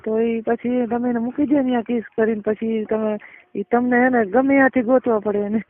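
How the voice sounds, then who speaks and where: In this casual phone conversation, the woman's voice is a little high, with fairly even intonation and a moderate pace. She has a Gujarati accent and talks informally, explaining and regularly checking that the other person follows. The recorded call sounds muffled and narrowband.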